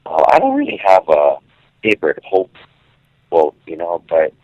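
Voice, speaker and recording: A man from Hawaii, a musician guest, talking casually and haltingly as he searches for his words, heard over a phone line. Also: low-pitched, wildly swooping pitch, dry recording. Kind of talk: casual interview talk.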